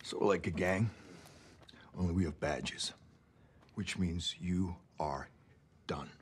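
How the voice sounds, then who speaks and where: Low-voiced menacing tough cop, played by a man. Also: a little hiss or hum, lightly acted. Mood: cold threat. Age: middle-aged. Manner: tough-cop intimidation, profane, sardonic, drawn-out taunting questions. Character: menacing tough cop, crooked, taunting gang-like squad leader. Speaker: actor in a crime film. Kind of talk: naturalistic film interrogation acting. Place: indoors, lamp-lit hotel suite.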